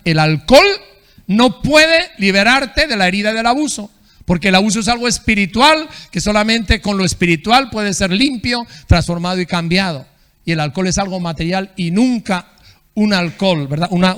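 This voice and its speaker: A man's voice: high-pitched, a bit bright. Conversational male pastor preaching. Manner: conversational, asks the congregation "¿verdad?" often; acts out quoted people in a raised voice. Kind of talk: sermon. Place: church.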